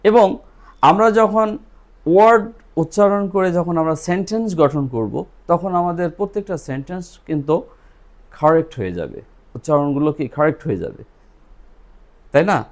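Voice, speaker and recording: A man's voice: on the high side, expressive, moderate pace, pauses often. A man teaching English pronunciation at a board, mixing Bengali and English, spelling words letter by letter and asking and answering his own questions. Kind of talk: classroom-style lesson at a board.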